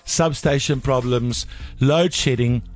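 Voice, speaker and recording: A man's voice: medium pitch, slow, faint music behind. A South African man hosting a radio phone-in, chatting casually and emphatically, switching between English and Afrikaans. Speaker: radio talk show host. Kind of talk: casual bilingual phone-in chat.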